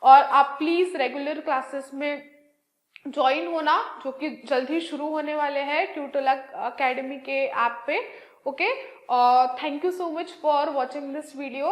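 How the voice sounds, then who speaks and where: A young woman teacher with an Indian English accent, giving an exam-prep grammar lesson and drawing out example words slowly. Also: high voice, steady tone, roomy sound. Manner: slow, drawn-out spelling and repetition of example words; mixes Hindi with English phrases.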